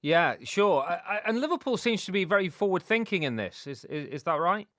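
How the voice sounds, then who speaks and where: Man, radio interviewer, fairly high voice, conversational, stammery starts, dry close sound. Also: very animated, brisk, a bit bright, no room sound.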